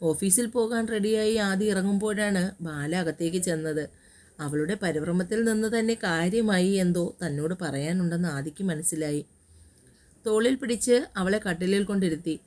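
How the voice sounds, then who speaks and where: A woman narrating a romantic audio story in a calm, steady reading voice. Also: medium pitch.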